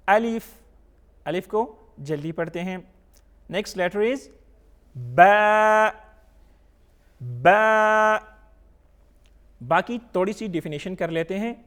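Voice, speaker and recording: A high-pitched man with a Pakistani accent teaches Quran reading on television, going letter by letter with patience. He recites slowly, stretching the sounds, and slips English into his explanations.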